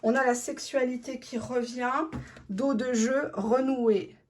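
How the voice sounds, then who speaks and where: Woman, tarot reader, fairly high voice, blunt, cheeky, talks to the viewer. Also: steady tone, slow, background noise. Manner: reads the partner's thoughts aloud in first person. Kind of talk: tarot reading monologue.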